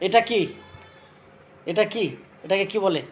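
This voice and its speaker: A woman playing with her toddler at home, asking simple questions again and again and gently scolding with tutting sounds. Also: mid-range voice, a little slow, faint music behind. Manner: repeats simple questions over and over. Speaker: parent filming her toddler. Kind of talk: playful coaxing talk to a toddler.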